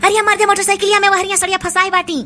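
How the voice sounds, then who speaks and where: A woman plays a bossy village man in a cartoon, rattling off orders in a high, bright voice. He speaks with an Awadhi accent and keeps pushing the others on. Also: flat delivery, very fast. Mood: urging. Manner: bossy, urging. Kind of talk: cartoon voice acting.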